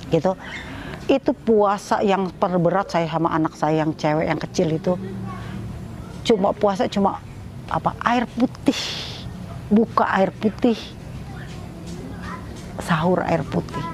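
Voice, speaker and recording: A woman's voice: measured pace, long pauses, noisy background. Emotional middle-aged woman telling her story. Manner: emotional, rising pitch when moved. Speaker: interviewee. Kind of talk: personal testimony interview.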